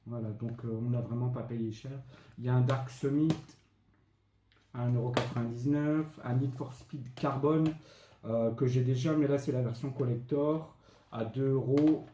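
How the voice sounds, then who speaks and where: A man's voice: mid-range voice, fairly even intonation, moderate pace, highs cut off. Chatty man listing game prices. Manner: chatty, lists items and prices with many fillers. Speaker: retro game collector vlogger. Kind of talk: casual show-and-tell of purchases. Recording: echoey room, faint background noise.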